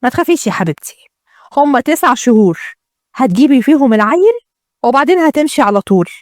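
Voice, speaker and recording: A woman's voice: high-pitched, big pitch swings, fast, darkish tone, no room sound, clean studio sound. A woman with an Egyptian accent voicing a jealous, domineering first wife who threatens and commands. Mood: scornful. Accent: Egyptian Arabic.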